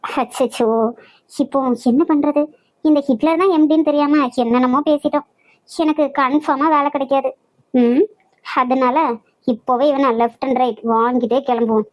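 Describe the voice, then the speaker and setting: A woman with a Nagercoil Tamil accent voicing a feisty young woman in a cartoon, loud and quick-tongued. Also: sits high, fairly even intonation, lightly acted, rough recording. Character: feisty young woman job-seeker, brash and fearless. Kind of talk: cartoon voice acting.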